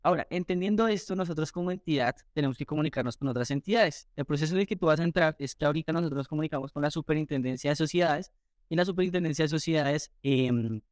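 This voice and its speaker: A man from Colombia, a guest recounting his story in an interview with animated retelling and quoted dialogue. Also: a little high, quick pace, dry recording, clean studio sound. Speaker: entrepreneur guest.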